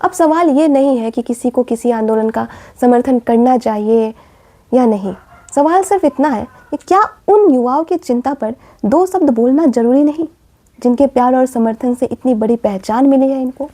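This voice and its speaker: Woman vlogger, high mellow voice, impassioned talk and rhetorical questions. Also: moderate pace. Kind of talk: earnest commentary vlog.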